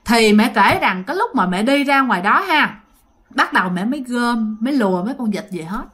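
A woman's voice: fairly high pitch, expressive, fairly quick, a bit bright. A woman with a Southern Vietnamese accent casually telling a family ghost story and often speaking directly to her listeners. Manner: chatty, addresses listeners directly.

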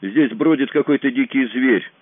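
A man voicing a nervous, grim male kidnapper in a thriller audiobook, speaking in a low, weary, resigned way. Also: normal speed, no room sound, natural voice. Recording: dry, tinny phone-like sound.

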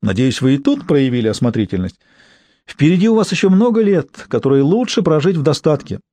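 A man reading an audiobook, voicing a wealthy older gentleman who talks in a smooth, sly, teasing way. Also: a little high, sing-song, fairly quick, dry recording, voice pushed up.

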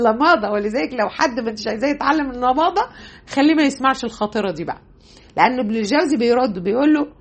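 A woman with an Egyptian accent and a high, light voice gives a religious lesson in everyday speech. She keeps it conversational and lively, often tossing rhetorical questions at her listeners. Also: racing, breathy edge. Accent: Egyptian Arabic. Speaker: religious teacher.

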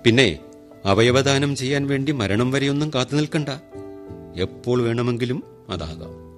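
In a radio studio, an actor delivers a radio drama monologue as a wry, ironic middle-aged man who donates a kidney, speaking straight to the audience in a chatty, teasing way. His medium-pitched voice, close to an everyday one, moves at a moderate pace over soft background music.

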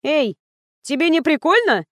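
A woman's voice: high voice, unhurried, no echo, clean studio sound, voice pushed up, exaggerated voice. A woman doing a chatty, gossiping coworker. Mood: gossipy. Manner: lively, gossipy, mocking.

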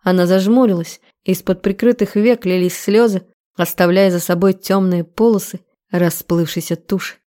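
Mellow-voiced woman narrating intensely. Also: fairly low pitch, fairly even intonation, moderate pace, few pauses. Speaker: audiobook reader. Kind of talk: dramatic audiobook narration.

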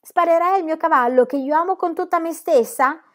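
A woman reading a storybook aloud, voicing a fearless, cheeky young girl in a high, bold voice. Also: animated, a little fast, close to an everyday voice. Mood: defiant.

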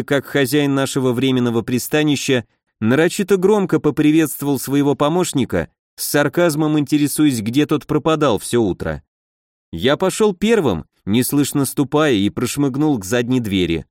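A man reading a first-person fantasy audiobook in an even storytelling manner. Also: mid-range voice, no room sound, studio quality. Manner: even storytelling, voices characters. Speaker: audiobook narrator.

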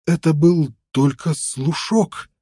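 A man's voice: fairly high pitch, a little slow, warm tone, breathy edge, dry recording, clean studio sound, voice pushed up. A man voicing a fawning toothless trader. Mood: pleading. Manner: stammering, pleading, ingratiating. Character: toothless, fawning, worn-out male fur trader.

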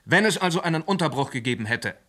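In a radio drama, a male actor plays a methodical police inspector who questions witnesses calmly and patiently. His voice is fairly high in pitch and his pace is quick.

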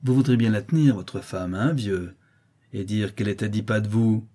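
A man's voice: on the low side, moderate pace, warm tone, natural voice. A man voicing a lame, mocking boy who taunts cruelly in a sing-song way. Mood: jeering.

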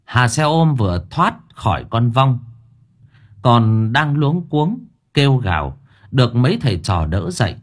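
A man narrating an audio story in an expressive storytelling manner. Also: medium pitch, measured pace.

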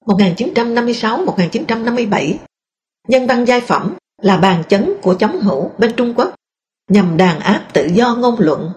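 A woman reading a first-person memoir aloud in a calm, steady storytelling voice. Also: on the high side, normal speed. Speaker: narrator.

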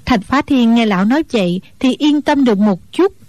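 A woman's voice: fairly high pitch, a little fast, no room sound. Woman reading a martial-arts audiobook. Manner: steady storytelling. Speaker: narrator.

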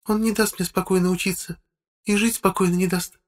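A man voicing an upset, tearful schoolgirl in an audiobook, in a high, soft, pleading voice. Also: steady tone, brisk, lightly acted.

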